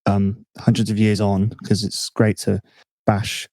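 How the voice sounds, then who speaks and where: Mellow man hosting a podcast. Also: lowish voice, a little slow, no echo. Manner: relaxed, self-mocking, thinks aloud with restarts. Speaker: podcast host. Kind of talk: casual chat.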